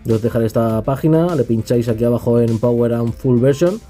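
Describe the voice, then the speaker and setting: Speaking fairly quickly in a mellow, mid-pitched voice, a man with a Castilian accent from Spain offers an informal, off-the-cuff spoken app review as a tech reviewer. He tags phrases with questioning checks while music plays faintly in the background.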